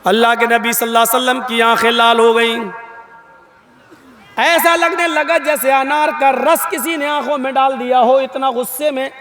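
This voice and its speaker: A man delivering a sermon, telling stories dramatically and rising to shouts for emphasis. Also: very high-pitched, level tone. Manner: dramatic storytelling, voices the people in his stories. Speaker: preacher. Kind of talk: Urdu sermon. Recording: echoey hall sound system.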